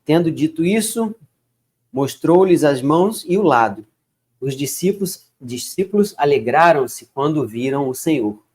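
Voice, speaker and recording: Man reading scripture with chatty asides. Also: on the high side. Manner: reads verses then comments in relaxed chatty asides. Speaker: bible reader. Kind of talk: casual bible reading with commentary.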